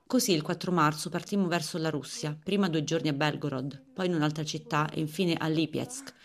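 A woman with a very low, gravelly voice reads a translated testimony in Italian. Her tone is dark and mellow, and she tells the story calmly and steadily. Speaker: Italian voice-over of a teenage girl's testimony. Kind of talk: dubbed testimony voice-over.

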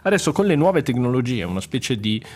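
A man co-hosting a radio show, explaining a story in a measured way with hesitant fillers. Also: medium pitch, sing-song, a little mellow. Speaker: radio co-host. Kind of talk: news item in casual radio chat.

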